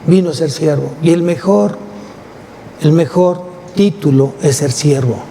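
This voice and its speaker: Mexican male pastor, higher voice, mellow tone; emphatic sermon with rhetorical questions, long church reverb. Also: measured pace, gravelly. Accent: Mexican Spanish. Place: church sanctuary. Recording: long church hall reverb, faint noise.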